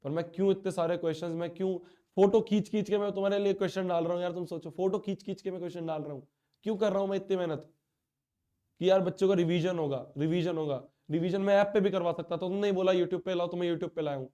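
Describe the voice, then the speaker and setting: A man's voice: sits high, fairly even intonation, quick pace, mellow, muffled recording. Hurt young male teacher with blocked nose. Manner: hurt, pleading, repeats himself. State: blocked nose and sore throat. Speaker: online teacher. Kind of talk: live class address to students.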